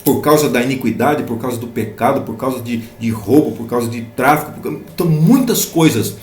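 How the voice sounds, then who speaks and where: A man's voice: medium pitch, brisk, reverberant. A middle-aged man teaching a Sunday school Bible lesson, explaining with repetition and rhetorical questions.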